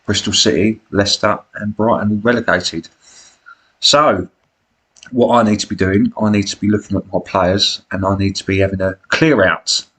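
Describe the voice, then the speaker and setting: A British man with a smoker's rasp and cough, giving chatty, blokey, self-deprecating commentary on a football management game as he live streams. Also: on the low side, steady tone, moderate pace, fairly bright tone, low-quality recording.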